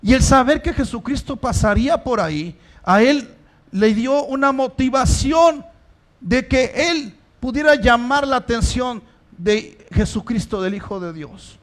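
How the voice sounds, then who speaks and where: A pastor preaching a sermon in church, asking the congregation rhetorical questions and rising to emphatic stresses. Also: male voice, extremely high pitch, unhurried.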